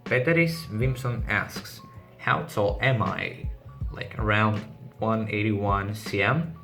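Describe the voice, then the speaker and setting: Slow and lowish, with vocal fry and a fairly bright tone, a Greek man who runs a car channel works through viewer questions in a casual vlog. He replies briefly and matter-of-factly, his Greek accent clear over music playing in the background.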